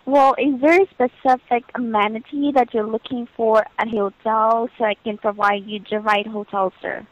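Over a muffled, lo-fi phone line, a woman with a slightly high, steady voice speaks at a normal pace with no room sound. She's a hotel booking agent, polite and patient, using stock customer-service phrases.

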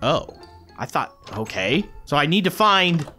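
Excitable young man playing a game. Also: fairly high pitch, soft background music. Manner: excitable, chatty, quick reactions. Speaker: gaming YouTuber. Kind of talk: casual let's-play commentary.

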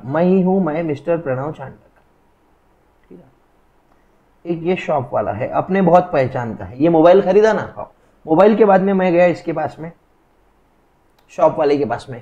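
A man's voice: a little high, dark tone, dull audio. A young man teaching law in a casual classroom lecture, explaining through chatty, jokey stories.

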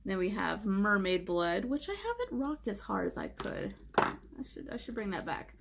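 A young woman vlogging casually about her makeup collection, chatty, with many "like" fillers and soft whispered asides. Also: medium pitch, sing-song, normal speed, creaky. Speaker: beauty vlogger.

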